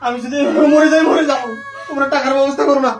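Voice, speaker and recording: A man's voice: very high-pitched, fairly quick. An actor playing a young husband wrecked by drug addiction, who keeps pleading and sobbing and repeats his words over and over. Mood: anguished. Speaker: addicted husband in a short film. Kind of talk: melodramatic short-film acting. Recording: echoey, mic far off, music underneath.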